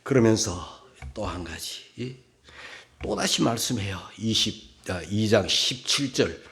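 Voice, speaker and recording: A middle-aged male pastor preaching a sermon in a church, his talk swinging between soft, low musing and loud, shouted bursts. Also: animated, slow pace, gravelly. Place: church sanctuary.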